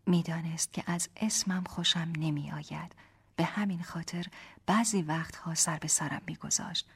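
A woman reading a first-person memoir aloud as narrator, in a calm, soft-spoken storytelling manner. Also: low voice, vocal fry, slight background noise.

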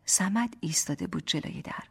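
Breathy woman narrating a memoir. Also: lowish voice, whispered. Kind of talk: first-person audiobook narration.

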